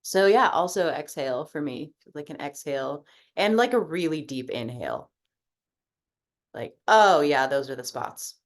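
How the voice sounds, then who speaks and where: A woman taking part in group coaching talks on a video call in a relaxed, reflective way, full of fillers and casual swearing. She speaks with a low, animated voice, never rushing.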